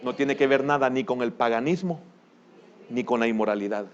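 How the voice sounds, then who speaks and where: An older pastor with a Salvadoran Spanish accent preaches briskly, alternating sudden loud exclamations with low murmurs. The sound quality is lo-fi.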